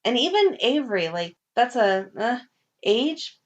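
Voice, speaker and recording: A woman co-hosting a fan podcast in casual chat. She is opinionated and briskly acts out characters' lines in quick asides. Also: on the high side, big pitch swings, muffled recording. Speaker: podcast co-host.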